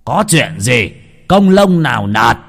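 A man voicing an anxious older village head who fires off loud, urgent questions. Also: medium pitch, very animated, slow pace, gravelly, voice pushed up, exaggerated voice. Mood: alarmed.

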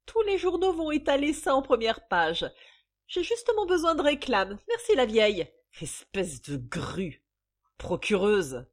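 A woman's voice: mid-range voice, expressive, unhurried. A woman reading a novel aloud, voicing a brash, mocking young demimondaine. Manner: loud, mocking, slangy.

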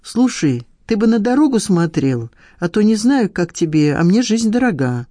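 Brief: narrator playing a wary middle-aged married woman, brisk and dry, dark mellow tone, close dry audiobook read. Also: medium pitch, big pitch swings, no echo, pitched above the performer's own voice, natural voice.

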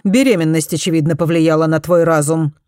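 A woman reading an audiobook, voicing a stern, prim aristocratic mother who speaks slowly and disapprovingly. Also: sits low, fairly even intonation, darkish tone, no room sound, studio quality, lightly acted.

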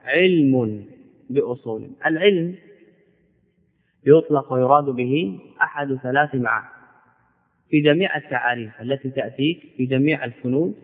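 A man teaching grammar as a sheikh, in a classical lecture style, who repeats key words slowly and asks and answers his own questions. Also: mid-range voice. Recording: phone-like audio in a long-reverb hall.

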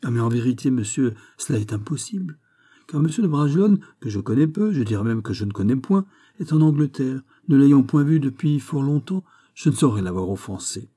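A man voicing an indignant courtly count who protests in an excitable, high-strung way in a dramatized audiobook reading. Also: a little fast, lightly acted. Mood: protesting.

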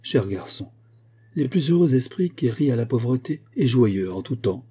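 A man narrating a short story in a calm, measured way. His voice is very dark and mellow, with a breathy, husky edge. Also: medium pitch. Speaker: reader. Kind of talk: audiobook story reading.

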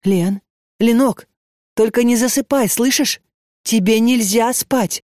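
Scared young student in an audiobook, high urgent pleas, voiced by a woman. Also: slow pace, a little mellow, dry recording, studio quality. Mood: panicked.

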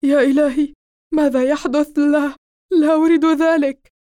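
A woman's voice: high-pitched, fairly even intonation, normal speed, warm tone, no room sound, clean studio sound, voice pushed up, lightly acted. A woman reading an audiobook voices a frightened, injured young man who pleads in a shaky voice. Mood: terrified.

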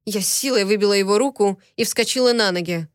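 A woman reads a first-person novel aloud with steady expression. Her voice sits mid-range, recorded dry and close with no room sound. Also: mid-range voice, brisk, smooth, dry recording. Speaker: audiobook narrator. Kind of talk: first-person audiobook narration.

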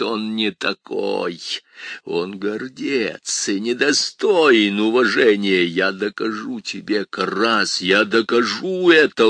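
A man reading an audiobook voices a menacing demon that mocks in a slow, gloating drawl. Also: on the low side, creaky, a bit bright, no room sound, heavily acted.

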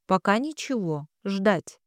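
A seasoned woman doctor, as a woman narrator puts her on, quiet, measured and reassuring, with guilt under the calm. She speaks at a steady mid pitch, and the recording is dry and close. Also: dry recording.

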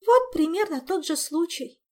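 A sobbing, frightened young woman with a shrill, very high voice that leaps wildly up and down, as a woman reads her in an audiobook. She talks through tears in a loud, piercing tone. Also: animated, normal speed. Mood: tearful.

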